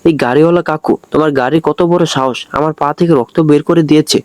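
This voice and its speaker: A cheeky little girl scolds the grown-ups around her without a trace of fear, as a man reads her lines. She is bossy and sure of herself. Her voice sits fairly high and sounds dry and close. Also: fairly even intonation, fairly quick, a little mellow, no room sound, lightly acted. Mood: bossy scolding.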